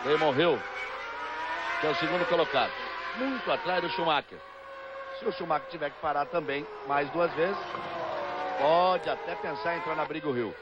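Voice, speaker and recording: Brazilian motorsport commentator, man, over loud engines. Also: a little high, moderate pace, pauses often. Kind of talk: live Formula One race commentary. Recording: dull lo-fi broadcast, loud engine noise. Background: loud racing cars and trackside noise.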